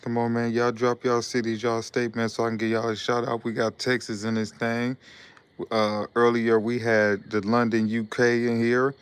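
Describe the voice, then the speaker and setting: A young Detroit man runs a casual live stream, going over viewer comments in a rambling, repetitive style. His tone is clean and smooth, staying mostly level in pitch, and his pace is moderate.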